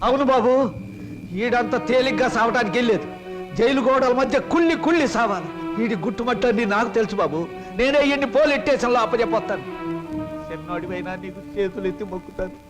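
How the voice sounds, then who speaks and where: Guilt-stricken father begging for help, high pleading voice, strong music under it. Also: expressive, fast talker. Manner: pleading, tearful. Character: remorseful father begging for his daughter. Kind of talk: Telugu film drama acting. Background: film score.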